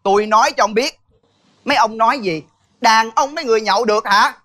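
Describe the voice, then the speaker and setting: A woman's voice: a little high, fast talker, pushed and bright. A woman playing a fed-up wife who defiantly rebels against her husband in a stage comedy sketch. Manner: defiant, dramatic.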